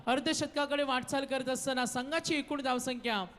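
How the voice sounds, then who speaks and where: A male cricket commentator with a high voice. He calls the play and the score through a long reverb. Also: steady tone, moderate pace, a bit bright.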